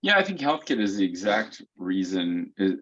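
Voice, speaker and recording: A man with a fairly low voice talks through answers in a loose, explanatory way, dropping in "um" and "right?" as he goes. The sound is dull and lo-fi, like a video call. It feels like a casual community Q&A. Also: sing-song, normal speed, fairly bright tone. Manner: explains step by step, keeps checking in with "right?" and "um". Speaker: co-host of a foot health community call.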